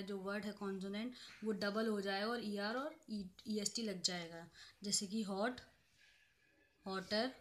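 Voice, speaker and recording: A woman professor teaching a grammar lesson in a measured, even way. She walks through each rule step by step, drawing out the examples and saying them over again, with English terms mixed into her explanation. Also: medium pitch, slight background noise. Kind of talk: grammar lecture.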